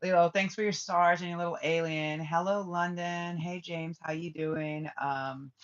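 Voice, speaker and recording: Steady in tone and measured in pace, a mid-range voice rambles through a spiritual reader's live stream. Trailing off and restarting often, the speaker eventually answers viewer comments bluntly and with profanity. The audio comes across dull, lo-fi and muffled.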